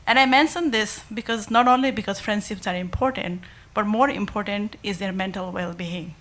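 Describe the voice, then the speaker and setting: A woman's voice: medium pitch, normal speed, fairly bright tone. Earnest mother pleading. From Nepal. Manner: earnest and emotional, pleading with the board. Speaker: parent giving public comment. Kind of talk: public comment at a school board meeting. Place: school board meeting room.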